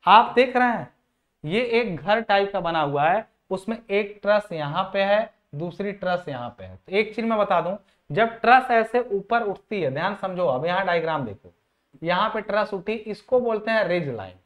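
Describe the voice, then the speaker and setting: A man's voice: high voice, lively intonation, normal speed, fairly bright tone. A man teaching civil engineering for exams, walking through diagrams in an informal way, asking rhetorical questions and repeating key points. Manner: informal, addresses viewers as friends. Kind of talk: exam-prep lecture explaining diagrams.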